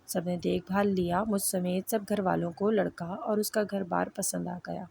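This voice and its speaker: A woman narrating an emotional first-person story in an even, measured way. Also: fairly low pitch, gravelly, a little hiss or hum.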